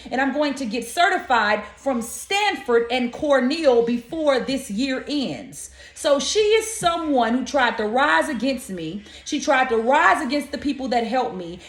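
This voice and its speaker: A young woman from Florida, an oracle card reader talking straight to her viewers, indignant and scolding, calling them y'all and honey. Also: high-pitched. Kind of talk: spiritual video monologue. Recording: echoey room.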